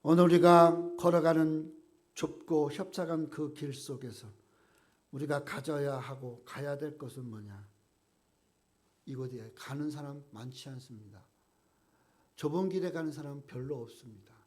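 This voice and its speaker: A man preaching a sermon as pastor, emphatic, raising his voice when he quotes God's questions and dropping low and quiet at the ends of phrases. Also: a little slow.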